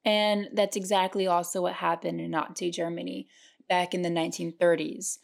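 Young woman co-host, gravelly fry in her voice, casual and chatty, jumps in to finish her partner's thoughts. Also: fairly low pitch, little pitch movement, normal speed. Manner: chatty, interrupts and finishes her co-host's sentences. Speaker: podcast co-host. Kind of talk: casual political podcast chat.

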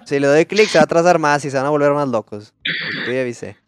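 A man's voice: fairly high pitch, fast talker, smooth. A Mexican man co-hosting a loose live-streamed podcast, teasing his friends and swearing casually. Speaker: podcast co-host.

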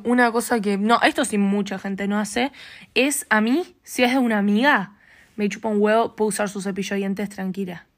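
A woman's voice: medium pitch, steady tone, normal speed. A young woman with a Uruguayan Spanish accent, chatting casually and animatedly and asking playful questions. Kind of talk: casual chat.

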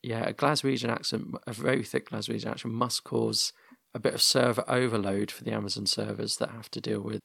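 A man with a gravelly, creaky voice hosts a casual podcast chat, telling anecdotes and musing aloud. The sound is dry and close with no room echo. He often restarts his sentences as he thinks. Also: on the low side, fairly even intonation, brisk, a bit bright.

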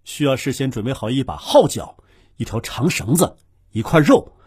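A man voicing a good-humored, teasing father in a children's audio drama, spinning tales in a lively way. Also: medium pitch, moderate pace, breathy edge, no room sound, clean studio sound. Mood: storytelling.

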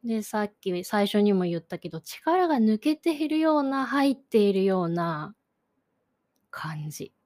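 A woman's voice: mid-range voice, very animated, normal speed, hardly any pauses, a little mellow. A woman, the host of a solo talk show, musing thoughtfully and searching for words, sometimes dropping to a near whisper. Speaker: podcast host. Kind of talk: reflective solo talk about an art exhibition.

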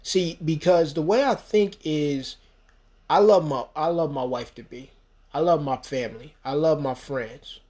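Speaking at a measured pace, this man has a slightly high, slightly mellow voice. He's a US podcaster in his thirties, going it alone on the mic, wandering from point to point with emphasis and plenty of "you know" fillers.

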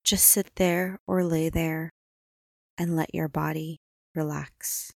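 A woman leads a body-scan meditation in a soft, soothing voice that sits a little low. She speaks very slowly, leaving long pauses between instructions. The recording is close and dry, with no room sound. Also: flat delivery, creaky, dry recording. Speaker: meditation guide.

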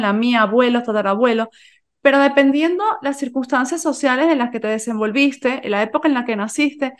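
Host: woman, higher voice, thoughtful and reflective. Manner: thoughtful, reflective, short soft agreements. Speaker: podcast host. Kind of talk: casual spiritual conversation.

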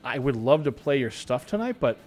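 A man's voice: medium pitch, very animated, fairly quick, a little mellow, soft background music. A man with a Boston accent hosting a radio show in casual, jokey banter, rambling and repeating words, with some swearing.

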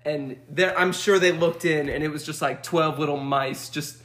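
A young man telling a story in a casual chat, animated and laughing often as he acts out quotes. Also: fairly high pitch, normal speed. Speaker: podcast guest.

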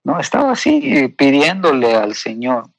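A man with a gravelly, creaky voice tells a heartfelt personal testimony. He speaks haltingly and earnestly, often checking in with tag questions. The sound is close and dry, with no room echo. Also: mid-range voice, huge pitch swings. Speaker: guest sharing a personal testimony.

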